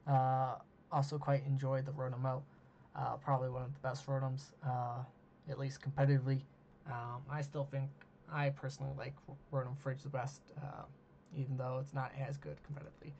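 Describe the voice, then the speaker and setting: A man hosting a solo monologue, talking casually with many ums and uhs, losing his voice and clearing his throat. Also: mid-range voice, little pitch movement, fairly quick, a little mellow. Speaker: host. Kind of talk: solo monologue ranking teams. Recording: dull lo-fi mic with faint hiss.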